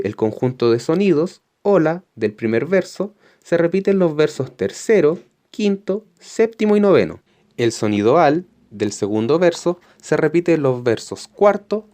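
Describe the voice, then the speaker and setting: A man's voice: fairly high pitch, a little mellow. A man with a Chilean Spanish accent teaching a recorded lesson to fifth graders, patiently explaining and reading textbook passages aloud.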